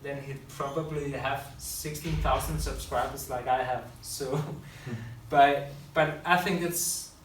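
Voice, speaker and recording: A male public speaker and school teacher talks slowly to an audience in a room, his medium-pitched voice fairly even in intonation and broken by few pauses. The talk is unscripted and loose, and he often corrects himself mid-sentence. Recorded from afar in an echoey room, it carries a faint hiss.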